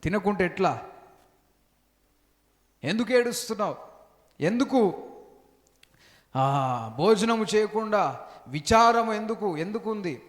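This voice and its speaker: A preacher voicing a gentle husband who comforts his wife with slow, pleading questions. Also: high voice, lively intonation. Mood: tender pleading. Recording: long hall reverb.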